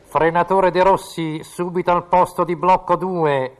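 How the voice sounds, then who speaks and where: A crackling, tinny announcer booms from an outdoor station loudspeaker, put on by a man in a comic radio bit. His voice sits high and sounds oddly distant and filtered. He repeats each call with an insistent, dutiful sameness. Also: steady tone, unhurried.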